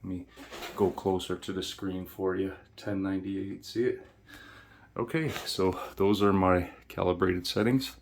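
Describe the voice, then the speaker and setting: A man with a low-pitched voice hosts an informal how-to video. He talks casually to his viewers, going through settings one step at a time. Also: fairly even intonation, unhurried, a little hiss or hum. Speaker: video host.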